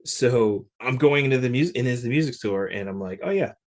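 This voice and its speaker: A man from Connecticut, a session percussionist, telling stories in a relaxed interview with lots of "like" fillers. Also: medium pitch, brisk. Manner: relaxed, chatty, frequent "like" fillers. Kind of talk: casual interview storytelling.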